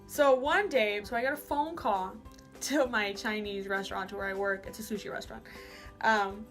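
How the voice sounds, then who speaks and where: A young woman telling a personal story to camera in a casual, animated, dramatic way. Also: medium pitch, moderate pace, faint music behind. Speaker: vlogger.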